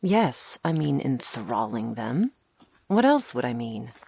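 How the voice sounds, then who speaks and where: Teasing, swooping low-voiced vampire woman, acted. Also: sing-song, slow, vocal fry, darkish tone, slightly rough, exaggerated voice. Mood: sardonic, flirty. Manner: sardonic, playful, taunting, with pet names and sighs. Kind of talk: ASMR roleplay acting, addressed to the listener.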